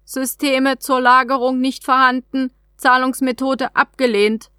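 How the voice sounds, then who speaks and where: A prim robotic alien trading capsule, put on by a woman storyteller, reciting its notices in clipped, formal phrases. The voice sits fairly high and sounds dry and close. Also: flat delivery, a little slow, sharp tone, smooth, no room sound. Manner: clipped, formal machine announcements.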